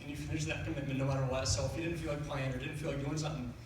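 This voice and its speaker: A middle-aged man giving a personal funeral speech as a son, speaking in a tender, faltering way with halting phrases and repeats. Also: fairly high pitch, level tone. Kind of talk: personal funeral speech, partly read from notes. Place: large reverberant indoor room. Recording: echoey room, distant mic, faint noise.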